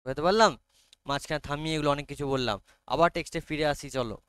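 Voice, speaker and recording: A male teacher with a Bengali accent explains grammar to a classroom, pausing often to ask whether everyone has understood. His voice sits high and rings clear and smooth. The sound is close and dry, with no room echo. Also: fairly bright tone. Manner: frequent check-ins with students.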